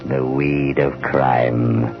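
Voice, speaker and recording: A man acting a sinister, mysterious avenger in an old radio drama, giving ominous warnings in a drawn-out, theatrical way. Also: rumbling low, flat delivery, heavily acted. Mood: menacing, ominous. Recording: muffled old radio recording with music.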